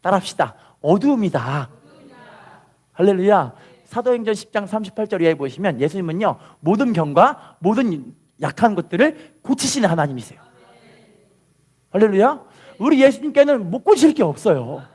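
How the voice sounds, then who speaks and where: A man delivers a Sunday sermon as a pastor, his voice sitting high and leaping up and down as he preaches. He draws the congregation in with questions and repeated phrases. At the peaks he breaks into full shouts. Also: brisk, breathy edge. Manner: animated preaching with call-and-response, shouting at peaks.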